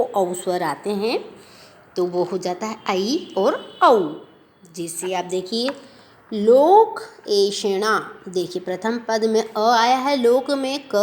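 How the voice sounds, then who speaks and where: A woman teaching a grammar lesson at an unhurried pace, stretching out each example word so it can be heard clearly. Her pitch moves up and down a lot as she poses questions and answers them. A faint noise sits behind her voice. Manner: slow, drawn-out pronunciation of example words.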